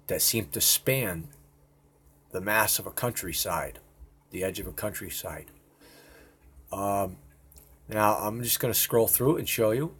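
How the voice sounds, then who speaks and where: A man's voice: on the low side, husky. A man rambling and swearing casually as he shares his computer screen in a home video. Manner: rambling, profane, excitable. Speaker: video host.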